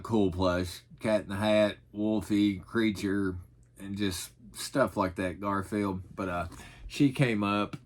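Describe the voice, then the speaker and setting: A middle-aged man chatting casually in a folksy, rambling, self-deprecating way, as in an unscripted haul video. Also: lowish voice. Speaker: vlogger showing thrift finds.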